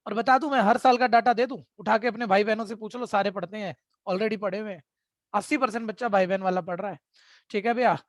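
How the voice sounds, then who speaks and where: A man's voice: sits high, steady tone, fast, no room sound, studio quality. A man teaching math in an online class, sternly lecturing and scolding his students and often checking that they follow. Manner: keeps asking "ठीक है?" to check in. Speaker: math tutor.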